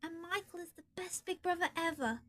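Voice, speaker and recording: A woman's voice: very high-pitched, a little fast, fairly bright tone, no room sound, voice pushed up. A woman doing a sweet little girl. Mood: eager. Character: small cheerful girl.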